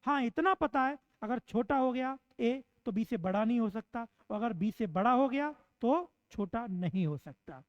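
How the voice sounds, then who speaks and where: Woman teacher, high voice, exam-prep lecture; asks and answers her own questions, dull dry lo-fi sound. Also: lively intonation, dry recording. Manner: repeats points slowly to drill them in. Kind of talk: online classroom lecture. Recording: dull, slightly lo-fi dry recording.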